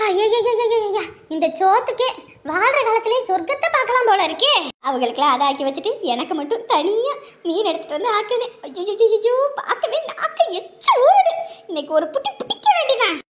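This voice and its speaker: A woman's voice: extremely high pitch, very animated, brisk, echoey room. A woman in a village comedy skit playing a greedy young wife who wails and whines about her food. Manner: wailing over a burnt mouth.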